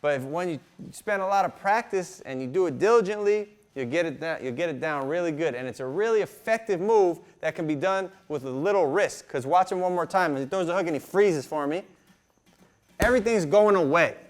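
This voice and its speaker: A man's voice: lively intonation, fairly quick. A man coaching boxing drills hands-on, talking informally and repetitively with "right?" tags and punctuating his instructions with vocal punch sounds. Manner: punctuates talk with vocal punch sounds like whoop, bang, boom; repetitive, informal phrasing with frequent 'right?' tags. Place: boxing gym. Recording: clear background noise in a gym.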